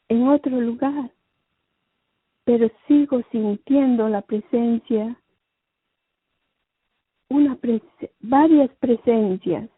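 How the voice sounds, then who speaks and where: A woman tells her personal testimony in a slow, husky, slightly high voice. She halts and repeats her phrases. It sounds like a dry, tinny phone-line recording. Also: dry recording. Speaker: guest giving a religious testimony.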